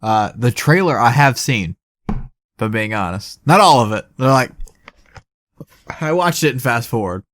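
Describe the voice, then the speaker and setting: A young man co-hosting a casual podcast, chatting and acting out movie quotes with lively energy. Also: medium pitch, normal speed, long pauses, no echo. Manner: animated, acts out movie quotes. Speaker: podcast co-host. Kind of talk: casual chat.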